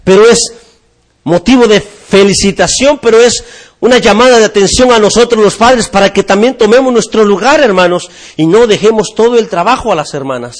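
A man's voice: high-pitched, fairly quick. A male pastor, preaching an earnest sermon to his congregation and acting out the voices of children and parents. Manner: earnest, repeatedly addresses the congregation as brothers.

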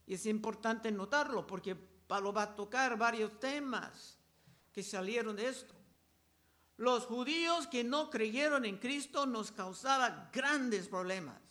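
A man preaching a sermon, reading scripture verses aloud and explaining them slowly and deliberately. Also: very high-pitched. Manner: slow, deliberate delivery, raising voice for quoted crowd shouts.

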